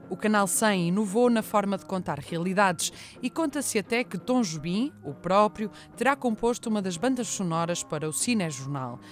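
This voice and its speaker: A woman's voice: medium pitch, expressive, normal speed, few pauses, soft background music. A woman with a European Portuguese accent, presenting a scripted documentary feature.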